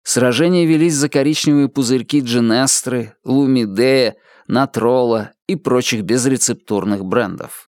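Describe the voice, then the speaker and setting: A man reading an audiobook with expressive, varied storytelling. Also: medium pitch, measured pace, dry recording, clean studio sound. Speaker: audiobook narrator. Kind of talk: scripted audiobook narration.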